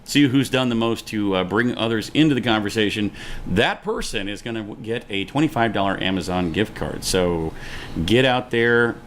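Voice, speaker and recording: Man, mid pitch, very lively intonation, joking casual chat, faint noise. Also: normal speed. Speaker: co-host.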